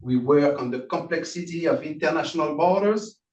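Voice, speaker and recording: A man hosting and lecturing an online class, friendly and halting with many restarts, on a video call. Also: fairly high pitch, a little mellow. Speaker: course lecturer and host. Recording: distant, roomy, dull video call audio.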